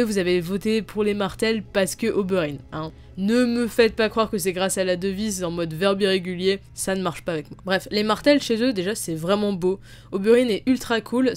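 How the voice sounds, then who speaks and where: A young woman chatting through fan poll results with a playful, teasing manner and quick jokes on the side. Her voice sits at a middling pitch, with soft music faintly underneath. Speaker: video host. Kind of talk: casual commentary on a fan poll.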